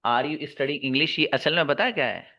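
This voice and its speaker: A man teaching English grammar in an online lesson, slowly repeating key words and answering his own questions for his students. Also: a little high, pushed and bright, muffled recording. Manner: calls listeners "babu" and "my friend".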